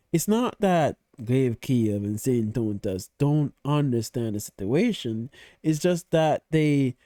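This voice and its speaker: A man's voice: medium pitch, dark tone, dry recording, studio quality. A man giving casual reaction commentary in a blunt, opinionated way, swearing freely. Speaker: reaction video host.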